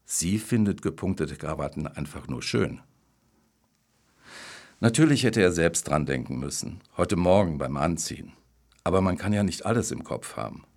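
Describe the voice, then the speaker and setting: A man's voice: deep voice, expressive, moderate pace, darkish tone. A man narrating short stories in a dry, wry reading style. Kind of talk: scripted narration.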